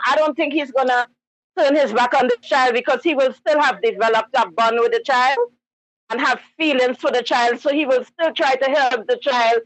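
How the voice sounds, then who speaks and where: A woman's voice: sits high, no room sound, rough recording. A woman calling in to a talk show, earnestly giving her sympathetic view. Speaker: caller. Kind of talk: call-in radio commentary.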